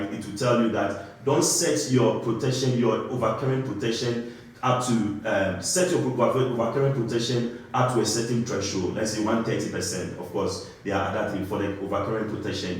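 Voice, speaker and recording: Ghanaian man explaining, echoey room. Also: on the low side. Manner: explanatory, keeps checking in with "right?". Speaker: guest, compliance engineer. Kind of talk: explaining a technical topic in conversation.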